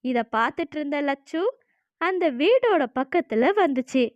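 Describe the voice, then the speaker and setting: A woman narrating a children's cartoon story in a plain, steady way. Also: high voice, normal speed, no room sound, dull audio.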